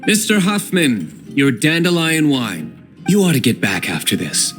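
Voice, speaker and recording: A man's voice: medium pitch, wildly swooping pitch, measured pace, fairly bright tone, soft background music. An actor playing an aloof young nobleman vigilante in a video game, curt and formal, with dry disdain. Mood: curt, businesslike.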